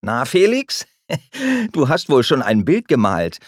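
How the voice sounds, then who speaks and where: A man voicing a lively, playful little boy in a children's story, with a very high, excited voice. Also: slow, no room sound, clean studio sound, full character voice.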